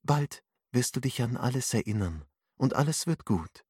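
A man's voice: medium pitch, lively intonation, moderate pace, a little mellow, breathy edge, no room sound, studio quality, pitched above the performer's own voice. A man voicing a patient, soothing woman. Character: patient, caring woman, gentle guide. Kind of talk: audiobook narration.

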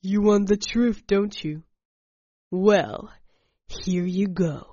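Woman doing a cynical, sneering man, very slow and loud, dull dry recording. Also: mid-range voice, no room sound. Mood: mocking. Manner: loud and mocking. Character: scornful cynical adult man.

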